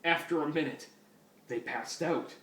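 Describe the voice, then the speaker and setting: This fan fiction reading is comic and dramatic, delivered by an amused man who keeps interrupting himself to comment. He speaks a little slowly in a fairly high, slightly bright voice, recorded from afar in an echoey room with faint noise.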